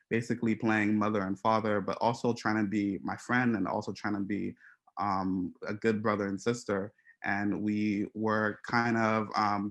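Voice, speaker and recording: A man from Haiti giving an artist talk about his photographs, speaking in a hesitant, reflective way with many pauses and restarts. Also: on the low side, fairly bright tone. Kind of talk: presenting slides to an audience.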